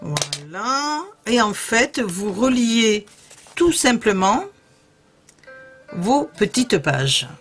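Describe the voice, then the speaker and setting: A woman's voice: mid-range voice, big pitch swings, extremely slow, a bit bright, faint music behind. Chatty southern French woman crafter. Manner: chatty, hesitant, many fillers. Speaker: crafting video host. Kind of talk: casual craft tutorial.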